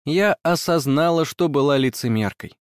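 A man narrating a first-person story in a measured, even reading. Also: a little high, clear, resonant tone, dry recording, clean studio sound.

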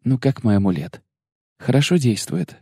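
A man reading an audiobook, voicing a proud, sharp-tongued sorceress who speaks with biting, bitter mockery. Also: mid-range voice, lively intonation, moderate pace, husky, no room sound, studio quality, voice pushed up. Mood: brisk. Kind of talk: audiobook character voice.

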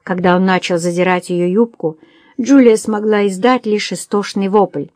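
A woman reading a detective novel aloud as an audiobook narrator, in an even, measured storytelling manner. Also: mid-range voice, no room sound, clean studio sound.

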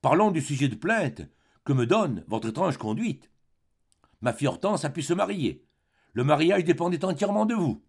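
A man's voice: on the high side, sing-song, normal speed, a little mellow, breathy edge, pitched above the performer's own voice, full character voice. A man reading a haughty proud baroness. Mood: reproachful. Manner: haughty, firm. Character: proud dignified baroness in her late forties.

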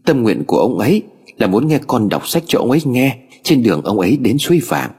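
A man voicing a gentle, grave old master who speaks in a solemn, consoling way. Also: medium pitch, sing-song, brisk, slightly rough.

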